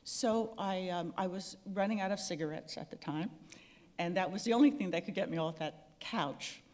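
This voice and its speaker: An older woman tells stories on a panel at an event hall, her voice lowish and darkish at a normal pace. She's wry and self-deprecating, with lots of fillers and restarts, and the echoey hall adds long reverb.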